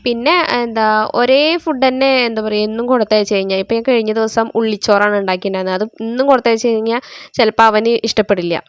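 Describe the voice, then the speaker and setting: A woman's voice: a little high, fairly even intonation, fast talker, clear, resonant tone, no room sound. A young woman from Kerala, a mother, narrating her family's day in a chatty voice-over and often tagging sentences with "you know". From Kerala, India. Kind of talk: casual voice-over vlog narration. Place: indoors, near a road with passing traffic.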